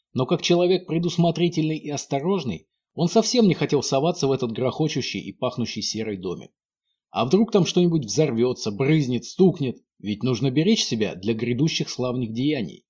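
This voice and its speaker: A man's voice: mid-range voice, animated, a little fast, darkish tone, husky. A man reading a fairy tale aloud in a playful, ironic storytelling manner. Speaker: narrator.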